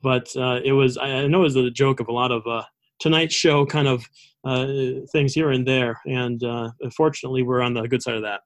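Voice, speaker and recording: A man hosting a conversational business interview show, speaking in a halting, rambling way. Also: mid-range voice, steady tone. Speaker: show host.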